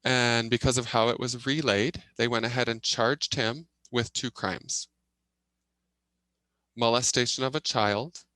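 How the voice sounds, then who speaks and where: A man voices a signed presentation as a simultaneous interpreter. His voice is bright and forceful at a medium pitch, and his phrasing comes in short, halting bursts. The sound is close and dry. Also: fairly even intonation, no room sound. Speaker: sign language interpreter voicing a deaf presenter.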